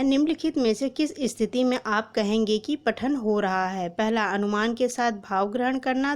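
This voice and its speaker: A woman teacher giving an exam prep lesson, reading out quiz questions, numbering each option and then announcing the correct answer. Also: fairly high pitch.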